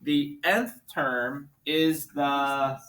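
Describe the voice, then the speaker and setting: A man teaching a math class, walking students through problems with brisk, coaxing questions. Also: on the high side, fairly bright tone, a little hiss or hum.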